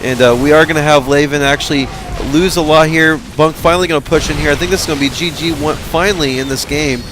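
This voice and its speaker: A man's voice: a little high, steady tone, over music. Tired man casting a strategy game. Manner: tired, yawning, halting with many fillers. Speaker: game caster. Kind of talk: casual game commentary.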